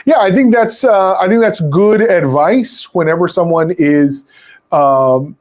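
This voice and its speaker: A man's voice: high voice, a little slow, darkish tone. A male attorney answering viewer questions in a conversational way, with frequent fillers and restarts. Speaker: landlord attorney.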